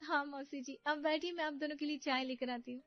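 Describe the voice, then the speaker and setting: A woman voicing a sweet, polite newlywed young niece who speaks softly. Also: sits high, steady tone, a little fast, dry recording, muffled recording, faint music behind, voice pushed up, lightly acted. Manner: sweet, polite, soft-spoken.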